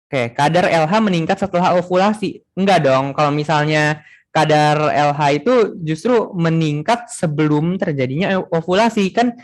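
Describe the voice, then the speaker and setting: A man's voice: a little high, normal speed. A young man tutoring a class online in a casual way, thinking aloud with many fillers and restarts.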